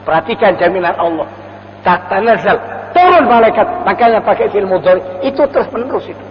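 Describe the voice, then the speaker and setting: A man's voice: high-pitched, animated, fairly quick. An older man preaching a dawn sermon, telling stories and acting out the voices in them. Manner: storytelling, acts out quoted voices. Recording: lo-fi recording in a reverberant hall with faint noise.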